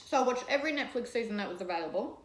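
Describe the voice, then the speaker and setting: A woman's voice: on the high side, lively intonation, very fast, slight background noise. A woman in her thirties chatting casually and gushingly to camera while eating, chewing as she talks, in a living room. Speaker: mukbang vlogger. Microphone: camera across a coffee table. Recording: roomy echo.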